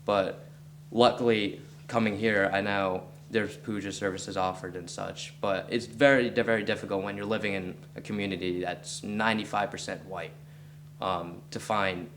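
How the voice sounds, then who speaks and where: A teenage boy from West Virginia answers interview questions plainly and earnestly, with the odd um. His voice is on the low side. A faint hum sits under the recording. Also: steady tone, normal speed, fairly bright tone. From West Virginia, USA. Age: teens. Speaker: student interviewee.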